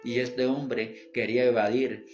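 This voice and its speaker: A man's voice: mid-range voice, little pitch movement, unhurried, dull audio. Fervent preacher man over music. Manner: fervent, repeats "mi hermano", quotes scripture. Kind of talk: sermon. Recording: music playing behind.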